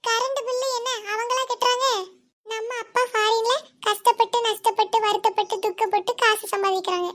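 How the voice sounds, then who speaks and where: A fed-up teenage girl from a cartoon, scolding and grumbling in a sharp tongue, as a woman acts her out. Her voice sits very high. She speaks with a Tirunelveli Tamil accent. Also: flat delivery, brisk. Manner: complaining, scolding. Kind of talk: cartoon voice acting.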